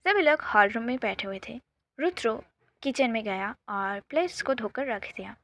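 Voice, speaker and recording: Female storyteller, high dry voice, steady plain narration. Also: normal speed, no echo.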